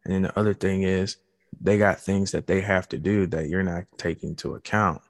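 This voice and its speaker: Low, gravelly-voiced man, easygoing podcast co-host, reverberant room. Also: steady tone, fairly quick. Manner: laid-back, says "man" and "you know" often. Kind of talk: casual conversation.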